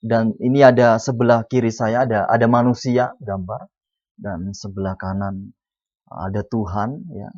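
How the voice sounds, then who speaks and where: A man preaching a sermon, who drops to quiet asides and then rises to loud, emphatic lines. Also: lowish voice, steady tone, unhurried. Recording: dull lo-fi sound.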